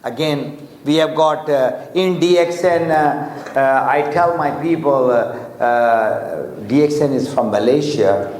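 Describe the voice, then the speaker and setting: A man with a medium-pitched, slightly mellow voice delivers a motivational seminar talk in English, though his first language is Urdu or Hindi. He speaks slowly and deliberately, with many fillers and restarts, and puts questions directly to his audience. The large hotel seminar hall sounds echoey, with faint ambience.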